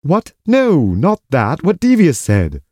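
A man's voice: fairly high pitch, huge pitch swings, slow pace, a little mellow, dry recording, heavily acted. A man playing a dry, secretive schemer in a comic audio drama, formal, terse and disapproving. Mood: exasperated, hushed urgency.

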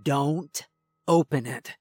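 A man's voice: slow, darkish tone, no echo, faint music behind. A man voicing a grim stranger who speaks in short, cold warnings. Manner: low, cold and curt.

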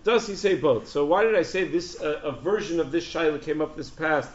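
A man's voice: on the high side, fairly quick, roomy sound. A man giving a rabbinic lecture on religious law in a conversational way, posing rhetorical questions and then answering them himself as he explains quoted sources. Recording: dull, lo-fi sound.

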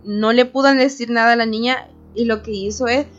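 Chatty higher-pitched woman, lo-fi sound. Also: fairly quick. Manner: animated, many fillers like "o sea". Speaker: radio show team member telling a story. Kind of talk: casual storytelling chat. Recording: dull lo-fi recording with faint music.

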